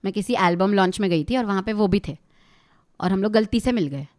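A young woman in her twenties, a rapper guest on a podcast, telling a story in an animated, laughing way. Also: mid-range voice, fairly quick. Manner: animated, laughs often, mixes Hindi and English. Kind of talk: casual storytelling chat.

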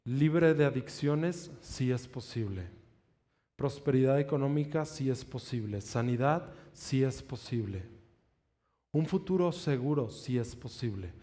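A man's voice: mid-range voice, mellow. A man preaching a sermon, telling a personal testimony in an earnest way and stretching out emphatic declarations.

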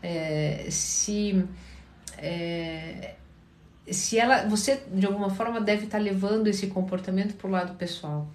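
A woman from Paraná with a Curitiba accent, a therapist calmly answering viewers' questions in a live chat, sounding tired. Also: medium pitch, takes it slowly, echoey room, a little hiss or hum. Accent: Curitiba Portuguese. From Paraná, Brazil. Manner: calm, advising, often checks in with listeners.

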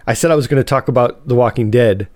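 A man's voice: medium pitch, quick pace, darkish tone, dry recording, clean studio sound. A man hosting a solo podcast with a cold, sounding nasal, talking in a rambling, chatty way and often correcting himself. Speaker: podcast host. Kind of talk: casual solo podcast talk.

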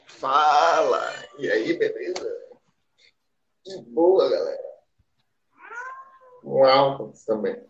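A man's voice: mid-range voice, animated, very slow, pauses often. A man with a Brazilian accent chatting in casual, teasing banter. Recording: echoey room, dull noisy audio.

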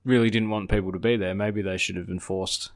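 A man's voice: on the low side, steady tone, brisk. An Australian man co-hosting a podcast with casual, loose banter. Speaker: podcast co-host.

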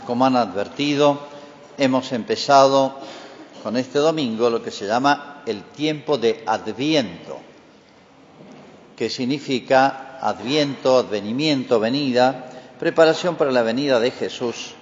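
A man's voice: mid-range voice, a little slow, slight background noise. Male priest for a didactic church homily; mid-range voice, muffled sound, big cathedral reverb. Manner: didactic, asks and answers his own questions. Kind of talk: Gospel reading and explanatory homily. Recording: muffled, long cathedral-like echo.

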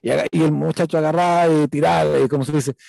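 A Chilean man preaches in an easy, talkative way, often asking his listeners "right?" as he goes. His voice sits a little high but sounds mellow and dark. The recording is dry and close. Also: fairly even intonation, fast, gravelly, no echo, poor audio. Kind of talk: conversational sermon with a personal story.

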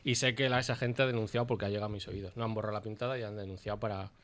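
A man's voice: on the low side, steady tone, rapid-fire, a bit bright. A man hosting a casual comic radio talk show, telling anecdotes and acting out the voices of the people in them. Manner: tells anecdotes, acts out quoted voices.

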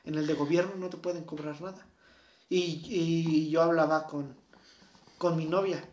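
A man's voice: a little high, fairly even intonation, moderate pace, a little mellow, reverberant, lo-fi sound. A young man with a Mexican Spanish accent in a casual, profane chat, talking animatedly and full of slang. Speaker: conversation partner.

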